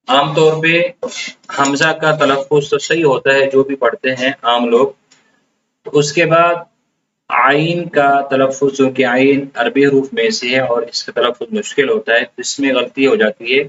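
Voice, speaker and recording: A man teaches the pronunciation of recitation in a calm, explanatory way, stretching and repeating words to demonstrate them. His voice sits at a middle pitch. The recording sounds dull and lo-fi, with a faint hum of background noise. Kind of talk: pronunciation lesson.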